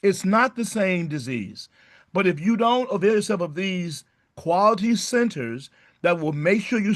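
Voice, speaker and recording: A woman's voice: medium pitch, no echo, clean studio sound. A middle-aged woman, a pediatric hematologist on a video-call panel, giving earnest, urging medical advice.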